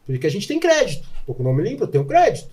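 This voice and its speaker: A Brazilian man, a podcast guest, telling a personal testimony in an animated, emotional way and acting out his prayers aloud. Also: sits high, very fast, husky. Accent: Brazilian Portuguese.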